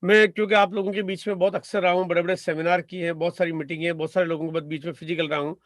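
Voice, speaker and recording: Brief: man from India, motivational business speaker, high voice, dry close sound, hammers points with repetition. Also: flat delivery, rapid-fire, no room sound. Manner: emphatic, rhetorical, piles up repeated phrases and asks "right?". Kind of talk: motivational talk to a business audience.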